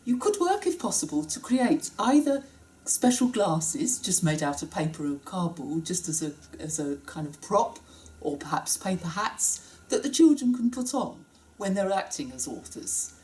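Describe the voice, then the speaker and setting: A woman researcher walks listeners through a teaching method with lively, guiding explanation. Her voice is low-set and warm, with a mellow tone. Her pitch rises and falls a lot as she speaks. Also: moderate pace, rough recording. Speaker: university researcher. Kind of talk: instructional explanation.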